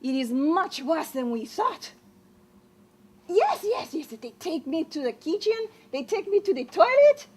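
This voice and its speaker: A snooty French businesswoman, played by a woman in a comedy sketch, with a French accent. Her voice sits high and swoops widely, and she lets her words out slowly and scornfully. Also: sing-song, a little mellow, heavily acted. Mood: gossiping on phone. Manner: theatrical, scornful exclamations. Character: haughty, disdainful French businesswoman visiting.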